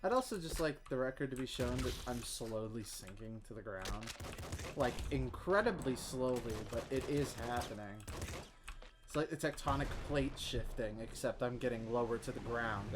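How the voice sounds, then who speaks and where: A man's voice: mid-range voice, normal speed, noisy background. A man from the Southern US with a Southern accent, rambling and joking through casual gameplay commentary while he streams. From Southern United States. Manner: rambling, self-mocking jokes, sudden excited squeals. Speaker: game streamer. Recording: clear keyboard typing and clicks behind.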